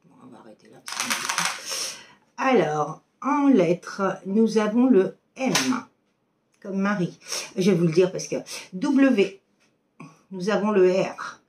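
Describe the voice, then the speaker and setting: A woman's voice: mid-range voice, expressive, a little slow, long pauses, darkish tone, slight background noise. A woman giving a casual oracle card reading to her viewers, chatty and affectionate, with many fillers.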